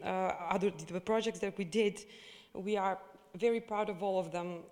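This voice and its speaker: Woman speaking in a hall. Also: medium pitch. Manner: hesitant, many fillers and restarts. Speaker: bank representative. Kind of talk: speech at a live corporate event. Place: event hall. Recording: long hall reverb.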